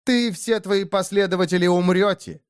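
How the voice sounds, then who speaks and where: A man voicing a cold, ruthless female dark elf noble with a hoarse, disdainful voice in an audiobook. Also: fairly high pitch, normal speed, no echo, studio quality, voice pushed up, natural voice. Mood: threatening. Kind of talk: audiobook character voice.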